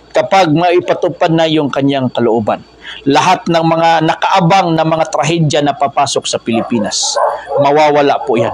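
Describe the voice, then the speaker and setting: A man with a Filipino accent preaching an impassioned sermon. He swings between low, earnest explaining and loud, high exhortation, repeating slogans to his brethren and mixing English words into his speech. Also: low-quality recording. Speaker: religious movement preacher.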